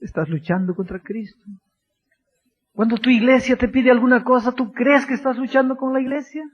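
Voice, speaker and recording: A man preaching a sermon in a dramatic way, moving from hushed storytelling to fervent shouting. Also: very high voice, normal speed, highs cut off. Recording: echoey church hall.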